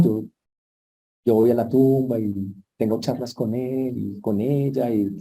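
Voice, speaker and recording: Preacher guy telling a bible story, goes loud then soft, super dark warm voice. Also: medium pitch. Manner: animated storytelling, sudden loud peaks and soft asides. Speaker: pastor. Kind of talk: sermon.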